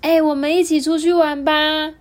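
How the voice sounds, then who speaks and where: A woman voicing a lonely little red button in a children's story, high and childlike. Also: level tone, normal speed, natural voice. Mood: eager.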